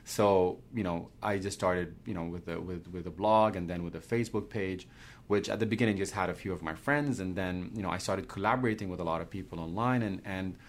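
Very deep voiced guy from sudan, chatty interview answers, lots of you knows, faint noise behind. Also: fairly quick. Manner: repeats words while thinking, many "you know"s. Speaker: guest cartoonist.

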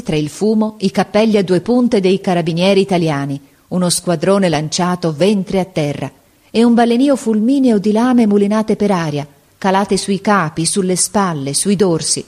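Female narrator, low-pitched, measured dramatic storytelling of a literary tale. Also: darkish tone.

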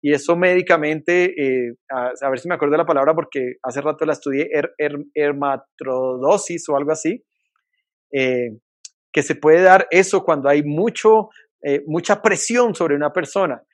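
A pastor preaching a conversational sermon over a video call, often asking rhetorical questions. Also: male voice, fairly high pitch, normal speed. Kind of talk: online sermon.

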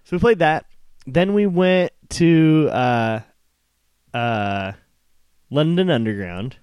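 A man's voice: a little high, lively intonation, takes it slowly, darkish tone, clear, resonant tone, no echo, studio quality. Rambling young man telling a story. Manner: rambling storyteller, many fillers. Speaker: podcast co-host. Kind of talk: casual chat.

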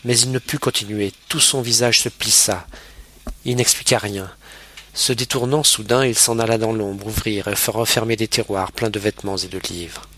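Man reading a novel audiobook, steady and measured, lowish voice, husky. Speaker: audiobook narrator. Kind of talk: literary audiobook narration.

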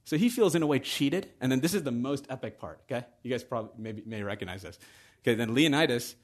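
A man preaching a sermon in a conversational way that builds to excited emphasis. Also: medium pitch, fast talker.

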